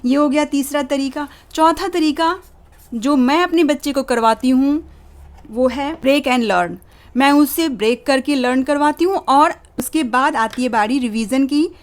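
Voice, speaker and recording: A young woman, a parenting channel host, explaining to parents how to teach spelling, slowly sounding out words letter by letter and mixing English words into Hindi. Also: high-pitched. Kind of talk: instructional talk for parents.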